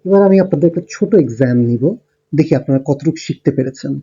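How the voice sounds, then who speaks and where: A man teaching a beginner language lesson, explaining step by step with frequent ums and pauses. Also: a little high, animated, dark tone, slightly rough, dull audio. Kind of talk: lesson narration over slides.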